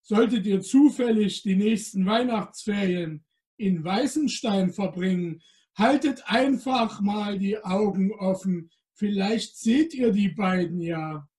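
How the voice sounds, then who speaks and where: Slow-reading man as Santa. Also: sits high. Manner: addresses children directly, slow and gentle. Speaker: Santa Claus storyteller. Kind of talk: reading a storybook aloud to children.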